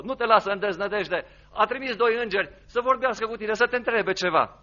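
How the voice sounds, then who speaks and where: A man preaching a sermon, dramatic, rising to loud emphasis and dropping to hushed, low passages. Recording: dull lo-fi recording.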